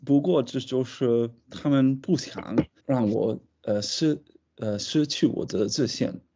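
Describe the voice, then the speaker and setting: A foreign man with English as his first language speaks accented Mandarin in an interview. His voice is low-key and mellow with a gravelly creak, and he feels his way through sentences, repeating words. The audio is slightly dull and lo-fi. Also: unhurried. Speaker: language student being interviewed. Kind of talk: casual interview in a second language.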